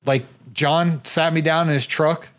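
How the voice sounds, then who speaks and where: A man's voice: fairly high pitch, fairly even intonation, unhurried, fairly bright tone. A male podcast host telling anecdotes in casual, informal conversation.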